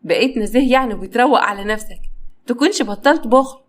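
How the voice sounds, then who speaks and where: A blunt male friend who scolds and teases, played by a woman with an Egyptian accent. The talk is fast and sits a touch high. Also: natural voice. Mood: scolding.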